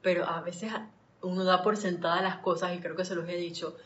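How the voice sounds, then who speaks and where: A woman leads a live-streamed spiritual class in a slightly low voice. She talks in a chatty, digressive way, greeting viewers and telling everyday stories. The audio is dull and lo-fi. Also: flat delivery, fairly quick, a bit bright. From Panama. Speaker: spiritual study group leader.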